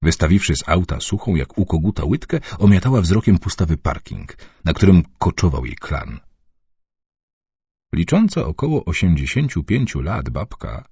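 Male audiobook narrator, very deep and husky, lively reading, dry and muffled sound. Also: no room sound. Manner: measured, expressive reading. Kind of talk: scripted narration. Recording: dull muffled recording.

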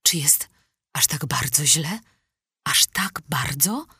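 A woman's voice: sits low, expressive, slow pace, bright, forceful tone, breathy edge, no room sound, studio quality, heavily acted. A woman voicing a frightened, elegant young mother who pleads and cries out in tearful, rising cries in an audiobook. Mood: fearful whisper.

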